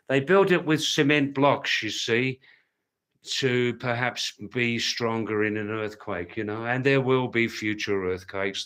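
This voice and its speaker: Slow-paced, rambling man on a livestream. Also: lowish voice, a bit bright. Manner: rambling, repeats words and phrases for emphasis. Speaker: livestream host. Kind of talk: casual livestream chat to viewers.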